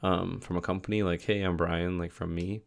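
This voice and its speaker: A young male vlogger with a deep voice and vocal fry talks at normal speed with little pitch movement. He's a little sick, losing his voice from a cold, and rambles casually in his video diary with lots of fillers and restarts.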